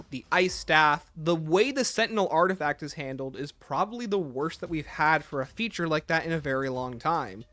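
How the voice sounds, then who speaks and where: Male livestream host, somewhat high bright voice, opinionated, talks back to chat, soft music behind. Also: no room sound. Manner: opinionated, reads and answers chat aloud. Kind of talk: casual livestream commentary.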